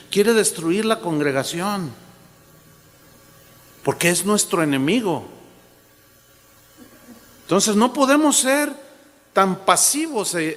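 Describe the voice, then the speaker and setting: Emphatic high-voiced male pastor preaching. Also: in a large hall. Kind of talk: sermon.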